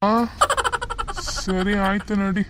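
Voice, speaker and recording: A man doing a bossy high-voiced cartoon husband. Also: monotone, extremely slow, heavy background noise. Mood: impatient. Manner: bossy, impatient commands. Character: grumbling young husband, bossy and impatient. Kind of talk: cartoon comedy dialogue.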